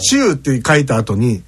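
With a breathy edge to his voice, a man reads out listener letters on his laid-back web radio program, demonstrating word accents through big, exaggerated pitch swings.

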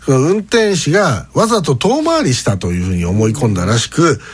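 A man hosting a casual radio chat, telling stories in a lively way. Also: medium pitch, a little fast, husky, dry recording. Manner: storytelling, lively, chuckling.

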